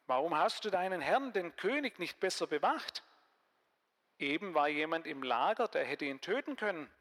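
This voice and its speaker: A man voicing the young warrior David, calling out loudly and scolding across a distance, in a reverberant hall. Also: a little high, animated, normal speed. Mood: reproachful call.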